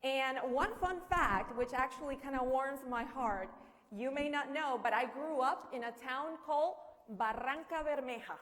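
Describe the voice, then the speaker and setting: Lady giving a keynote, high voice, big hall echo, chatty storytelling, asks the crowd questions. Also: moderate pace. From Colombia. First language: Spanish. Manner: animated storytelling with rhetorical questions and humor. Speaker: keynote speaker. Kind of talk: conference keynote speech. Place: conference hall. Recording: long hall reverb.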